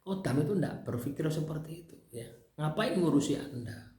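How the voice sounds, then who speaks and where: A man's voice: a little high, animated, normal speed, mellow, echoey room. A man with a Javanese accent recounting his own experiences in casual spoken testimony, habitually tagging his sentences with little checking phrases. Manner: conversational, tags phrases with "gitu loh, ya". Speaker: speaker sharing personal experience.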